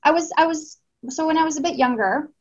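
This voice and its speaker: Lady talking all earnest and heartfelt, kinda high voice, muffled remote audio. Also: fast talker. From Canada. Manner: earnest, heartfelt, many fillers and restarts. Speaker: guest, Tantra teacher. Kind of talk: casual podcast interview.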